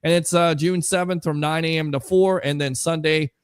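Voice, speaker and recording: A man hosting a live sports talk stream, reading out chat comments and giving energetic shout-outs. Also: fairly high pitch, moderate pace, smooth, dry recording, clean studio sound. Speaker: livestream sports show host.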